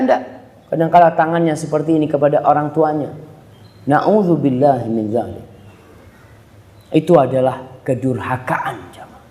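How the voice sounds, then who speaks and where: A man preaching a sermon, telling stories with lively acted-out voices. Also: sits high. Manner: animated storytelling, acting out mother and child. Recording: echoey hall with long reverb.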